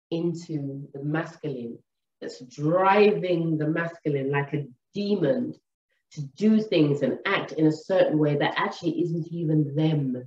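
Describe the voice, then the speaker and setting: Here a low-voiced woman, a wellness teacher, offers advice in a lively monologue, weaving in stories and performing the quotes she cites. The sound is echoey and muffled, captured from a distant microphone.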